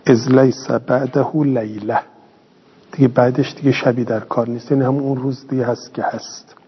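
Husky guy teaching a class, reads slow then explains quick, dull lo-fi sound with long reverb. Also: mid-range voice, steady tone. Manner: reads a phrase slowly, then explains it quickly in everyday speech; asks and answers his own questions. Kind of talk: classroom lesson reading and explaining a text.

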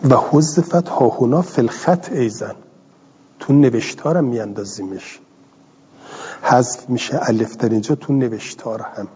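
A middle-aged man teaching a grammar class, reading a line of text and then explaining it slowly and patiently. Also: medium pitch, dark tone, husky. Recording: dull lo-fi audio in a hall.

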